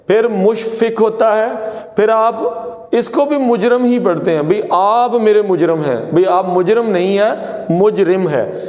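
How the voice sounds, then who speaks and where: A man teaching a pronunciation lesson, saying words slowly and contrasting wrong and right forms. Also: high voice, darkish tone. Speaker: Urdu teacher. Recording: echoey room with long reverb.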